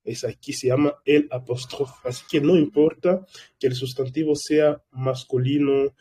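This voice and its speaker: A man's voice: mid-range voice, steady tone, normal speed, dark tone, slightly rough. A man teaching French in an online class, explaining patiently and checking in with frequent questions to his students. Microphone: computer microphone.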